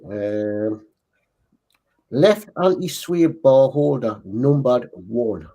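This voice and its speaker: A man with a Northern English accent and a dark, mellow voice reads out model assembly steps in an unhurried, careful way. He pauses as he checks each part and speaks like a casual livestream co-host. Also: mid-range voice, lively intonation. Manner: reads instructions slowly, pausing to check parts. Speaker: co-host reading build steps. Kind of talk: casual livestream build chat.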